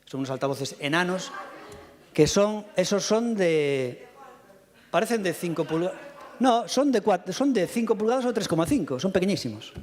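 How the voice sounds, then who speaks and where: A man, answering opponents in a heated council debate with combative, rapid rebuttals into a podium microphone in a council chamber. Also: sits high, lively intonation, darkish tone. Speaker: mayor answering in a council session. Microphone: fixed podium microphone.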